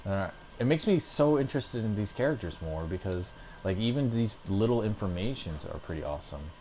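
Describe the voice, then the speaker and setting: A young man with a fairly low voice rants about a game, rambling and getting fired up, tripping over his words as he goes. He talks into a gaming headset at home, with a faint hiss behind him. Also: lively intonation, brisk, mellow. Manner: rambling, fired up, frequent fillers and restarts. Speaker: gaming YouTuber. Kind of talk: casual ranting commentary.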